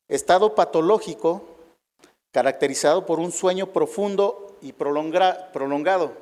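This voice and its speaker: A man's voice: on the high side, a little mellow, long reverb tail. A man preaching a sermon, reading scripture aloud and explaining it, often checking in with "¿verdad?" and using "este" as a filler. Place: church hall.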